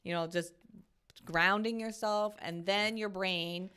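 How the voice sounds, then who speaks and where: A woman's voice: medium pitch, steady tone, slow pace, bright, forceful tone, smooth. A woman co-hosting a podcast in casual chat, encouraging and often agreeing. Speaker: podcast co-host.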